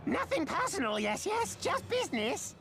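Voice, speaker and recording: A woman's voice: extremely high pitch, sing-song, normal speed, exaggerated voice. A woman voicing a sly, fawning fish-folk creature in a video game cutscene, obsequious and scheming like a shady merchant. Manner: obsequious, repeats "yes, yes".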